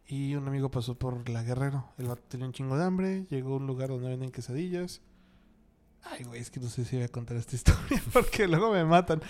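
A man's voice: mid-range voice, quick pace, darkish tone. A young Mexican man with a Mexican Spanish accent, telling slangy anecdotes with laughs in a casual chat.

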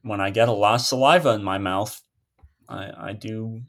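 A man's voice: lowish voice, moderate pace. A man in his twenties with a slight lisp, chatting casually and ramblingly as a podcast co-host. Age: 20s. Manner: rambling, full of restarts and fillers. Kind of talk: casual chat.

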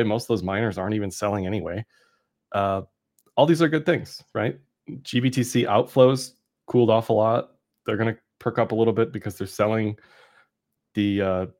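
On a podcast he co-hosts, a market analyst talks through the markets in a relaxed, explanatory way, peppering his points with "right?". He has a lowish, darkish voice.

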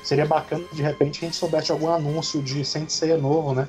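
A man's voice: on the high side, flat delivery, quick pace, darkish tone, soft background music. A man with a Brazilian Portuguese accent hosting a casual podcast discussion in a rambling way, often seeking agreement. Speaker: podcast host.

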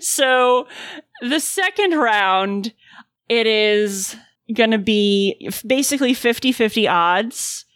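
Woman game master, bright forward voice, super dry sound, talks players through the game casually. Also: on the high side, lively intonation, slow, smooth, no room sound. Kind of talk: casual tabletop game narration.

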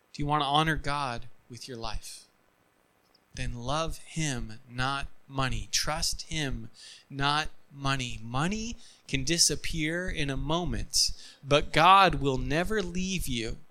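A male pastor delivers an earnest sermon at an unhurried, deliberate pace. His voice is bright and clear, pressing points home through repetition. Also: medium pitch, poor audio. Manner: earnest, emphatic preaching with repetition; closes in soft, quiet prayer.

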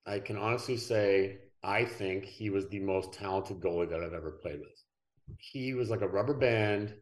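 A middle-aged man, a former pro athlete, telling relaxed, rambling anecdotes as a podcast guest. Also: fairly low pitch, normal speed. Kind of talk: casual interview storytelling.

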